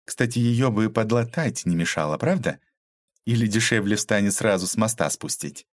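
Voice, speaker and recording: A man's voice: on the low side, lively intonation, moderate pace, no room sound, clean studio sound, natural voice. A man reading an audiobook aloud, voicing a tough, ironic young woman detective who mocks and lectures. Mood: stern. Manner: mocking, cold, lecturing.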